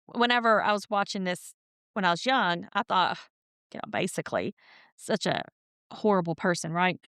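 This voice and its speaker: A woman's voice: lowish voice, lively intonation, moderate pace, fairly bright tone, clear, resonant tone, no echo, clean studio sound. A woman co-hosting a podcast, chatting casually and laughing often as she tells stories. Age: older than her co-host. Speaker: podcast co-host. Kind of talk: casual chat.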